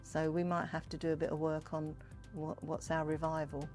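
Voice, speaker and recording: A woman's voice: deep voice, level tone, moderate pace, music in the background. An older woman, chatting in a discursive, storytelling way as she gives an informal interview. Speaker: Pearly Queen and community fundraiser, interviewee. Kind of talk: informal interview talk about history and culture.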